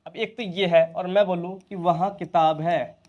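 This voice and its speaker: A man's voice: sits high, steady tone, unhurried, dull audio. A man with a Hindi accent teaching an English lesson, asking his students questions and answering them himself.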